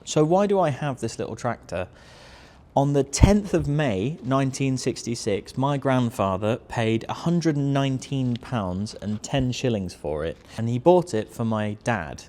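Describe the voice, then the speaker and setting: A British man in his thirties hosts a restoration video series, narrating from a barn workshop through a clip-on lapel mic. His mid-range, darkish voice is animated yet measured in pace, and his tone stays understated and conversational, with casual asides.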